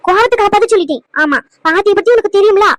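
A domineering old grandmother from a cartoon, voiced by a woman, barking loud scolding orders. The voice sits high and the recording is dry and close. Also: rapid-fire, no room sound. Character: bossy shouting old grandmother.

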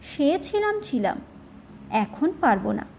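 A woman doing a gruff, evasive old maid. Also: high-pitched, very animated, slow pace, a little mellow, slight background noise, heavily acted. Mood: reluctant. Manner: short clipped replies, muttering.

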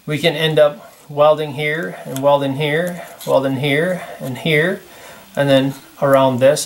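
Relaxed man demonstrating workshop clamps. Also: on the high side, a little hiss or hum. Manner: relaxed, plain-spoken, many fillers. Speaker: product demonstrator. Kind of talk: casual hands-on product demo. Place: workshop bench, indoors.

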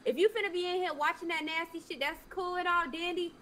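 A high, bright-voiced nagging mother played by a woman in an improvised game role-play. She scolds her teenage son with repetitive, foul-mouthed questions, over faint background noise. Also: fairly even intonation, fast talker. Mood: disgusted, scolding.

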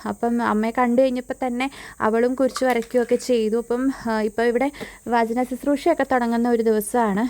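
Fast-talking young woman vlogger. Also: fairly high pitch, steady tone, darkish tone, slight background noise. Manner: chatty, many fillers and asides. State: pregnant. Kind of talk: casual vlog narration.

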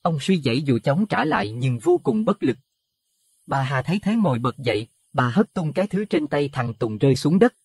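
A man narrating a Buddhist horror audio story in an expressive, dramatic way. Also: fairly high pitch, moderate pace, husky, no echo, clean studio sound. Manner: expressive, rising to alarm at scary moments.

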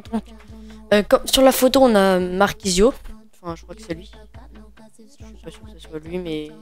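A man giving casual gaming commentary while opening packs, hesitant and full of fillers and restarts. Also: high voice. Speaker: gaming video creator.

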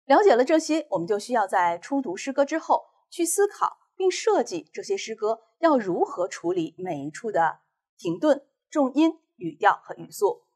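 A female teacher from China delivers a recorded class lecture in a measured, clear way, her voice lively in pitch and a bit husky. She carefully explains reading techniques.

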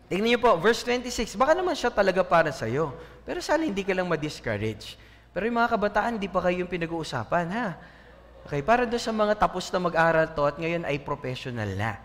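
A man preaching as pastor to a church congregation, animated and often asking the listeners questions. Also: sits high. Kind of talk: sermon mixing Tagalog and English. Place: church on a second floor. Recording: long hall reverb.

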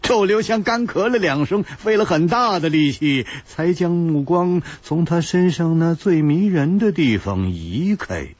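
Lively, slow-paced male storyteller. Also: fairly high pitch, husky, dry recording, highs cut off. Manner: lively, animated, laughing at his own lines. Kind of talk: pingshu-style storytelling.

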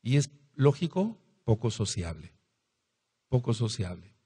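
A man preaches a sermon with an earnest teaching manner, repeating key words to drive them home. His voice is husky and dark. The room rings with a long hall reverb. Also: mid-range voice, sing-song, measured pace. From Mexico. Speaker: congregation leader and teacher.

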